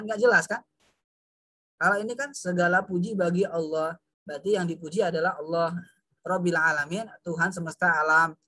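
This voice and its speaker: An Indonesian religious studies teacher gives an online class lesson in a chatty style, full of fillers, fondly calling his pupils children. His high voice sounds pushed and bright in a dry recording.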